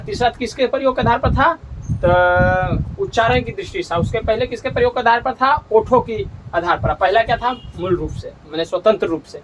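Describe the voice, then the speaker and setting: A man's voice: very high-pitched, recorded from a distance, lo-fi sound, noisy background. A man teaching a grammar lesson, explaining step by step, repeating himself and correcting slips as he goes. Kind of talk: classroom-style grammar lesson. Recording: voice from away from the mic.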